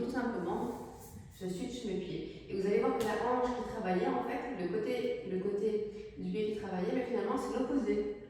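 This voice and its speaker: A woman's voice: medium pitch, darkish tone, slight background noise. Woman counting dance steps in echoey room. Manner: counts beats aloud while demonstrating, checks in with "d'accord?". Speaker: belly dance teacher. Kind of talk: dance tutorial instruction. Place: small room at home. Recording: echoey room, mic far off.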